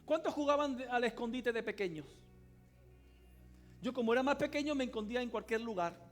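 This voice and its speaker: A man preaching a sermon as pastor of a church, emphatic, swinging between loud cries and quiet asides and calling on the congregation to answer aloud. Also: very high voice. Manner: calls on the congregation to respond aloud. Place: church service hall.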